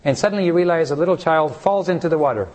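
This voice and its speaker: A man with a fairly high voice delivers a sermon. He leans on rhetorical questions to the listeners and slips into short acted voices for the people in his stories. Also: rapid-fire, darkish tone. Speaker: preacher.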